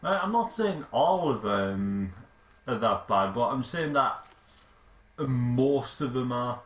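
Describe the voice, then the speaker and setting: A man's voice: medium pitch, animated, slow, fairly bright tone. A young man chatting and teasing his friend while playing a video game. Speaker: gamer. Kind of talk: casual chat over gameplay. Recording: roomy, noisy, game sound.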